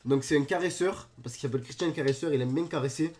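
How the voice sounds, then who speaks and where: A young man giving excited reaction commentary on videos, joking and exclaiming in disbelief. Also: on the high side, fast, heavy background noise.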